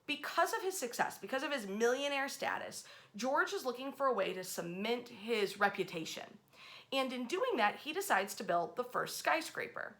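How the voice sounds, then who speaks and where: An American woman hosts a history storytelling series, her voice on the high side and her pace moderate. She keeps it casual and conversational yet emphatic, animated as she acts out short quotes.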